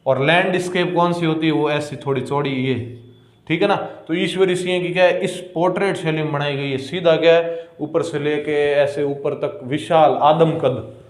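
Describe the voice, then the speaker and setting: A man with a Rajasthani accent giving a history lecture for exam students, repeating key words slowly and asking questions he answers himself. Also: on the high side, steady tone, echoey room. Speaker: exam coaching teacher.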